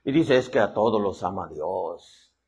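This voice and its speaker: A man's voice: sits low, a little slow, husky. A man preaching a sermon. He acts out voices and keeps calling the listeners "hermano". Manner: animated preacher acting out voices, constantly saying "hermano". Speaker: apostle preaching.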